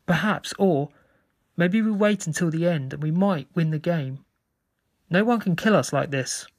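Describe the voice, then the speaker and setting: A man's voice: fairly high pitch, normal speed, no room sound, clean studio sound. A man voicing a friendly male online player who speaks with a slight foreign accent and searches for his words. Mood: earnest.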